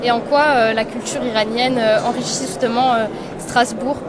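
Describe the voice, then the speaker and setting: A woman's voice: a little high, little pitch movement, normal speed. A young woman interviewing guests at a festival opening, asking short friendly questions. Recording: loud noise and crowd chatter.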